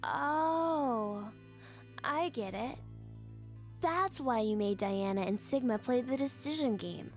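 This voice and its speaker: Perceptive, earnest video game woman; somewhat high pitch, deliberate explanatory delivery. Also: faint music behind. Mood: dawning realisation. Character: perceptive, earnest woman piecing together a dark mystery.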